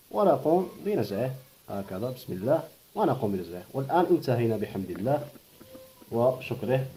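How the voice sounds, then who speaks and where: Fast-talking Algerian man, mellow voice. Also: mid-range voice, low-quality recording. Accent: Algerian Arabic. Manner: murmurs blessings softly while working. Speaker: pigeon breeder. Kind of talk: hands-on how-to tutorial.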